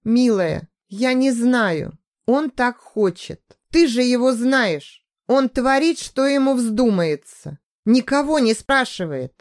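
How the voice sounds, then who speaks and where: A woman reading an audiobook, voicing a gentle middle-aged woman doctor who softly coaxes and calms a captive girl. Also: on the high side, slow, pitched above the performer's own voice. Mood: soothing. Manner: soft, soothing, coaxing.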